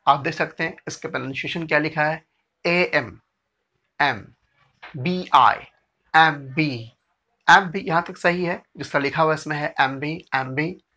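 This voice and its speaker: A man teaching English pronunciation, breaking words into syllables and repeating them slowly. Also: on the high side, sharp tone. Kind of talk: slow, drilled pronunciation lesson.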